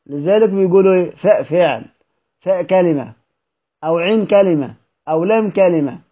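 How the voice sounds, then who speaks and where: A high-pitched Egyptian man teaching a recitation lesson. He poses questions and answers them himself, stretching out example words slowly. The recording sounds dull and lo-fi. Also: lively intonation. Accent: Egyptian Arabic.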